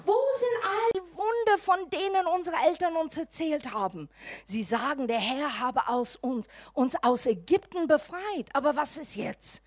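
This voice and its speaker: Slow, high-voiced woman preaching. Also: no echo. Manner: lively, acts out Bible characters in asides. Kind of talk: sermon.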